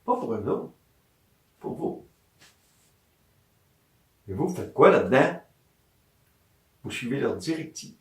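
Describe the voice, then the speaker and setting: A man with a Quebec French accent speaks in a mid-range voice, slowly and with frequent pauses. He's a massage therapist giving a casual, animated health talk, repeating his points and posing questions he then answers himself. The room echoes and the mic sits at a distance.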